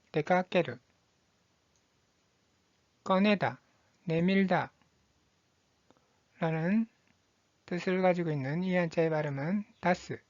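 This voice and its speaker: A woman teaching Japanese vocabulary, reading each word slowly and repeating it twice in a patient, methodical drill. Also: on the low side, a little mellow, dry recording, dull audio. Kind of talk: slow, deliberate vocabulary drill.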